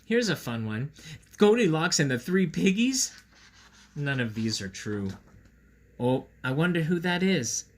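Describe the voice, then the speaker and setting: This children's story reader has a fairly high, sing-song voice, going a little slowly and pausing often. He reads to kids and chats with them in a goofy, theatrical, playful manner, recorded with roomy echo and noticeable background noise.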